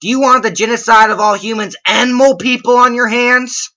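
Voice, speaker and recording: A man's voice: very high voice, fairly even intonation, brisk, bright, forceful tone, poor audio. A man hosting a comedy vlog, reading out his own school report as a rambling, sarcastic rant full of mock outrage. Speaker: comedy vlogger.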